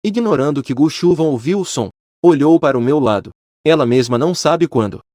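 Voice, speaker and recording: Guy reading a romance story out loud, first person, bouncy animated pitch, super dry close sound. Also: brisk, dry recording. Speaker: narrator.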